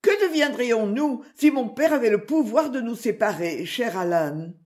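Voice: medium pitch, expressive, moderate pace, a little mellow, voice pushed up, close to an everyday voice. A reader doing an anxious young noblewoman. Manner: pleading, anxious. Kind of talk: audiobook character reading.

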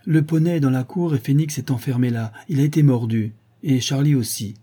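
A man's voice: lowish voice, lively intonation, a little fast, mellow, husky. A man reading aloud and voicing a spoiled, saucy thirteen-year-old girl who talks back in a pleading, petulant way.

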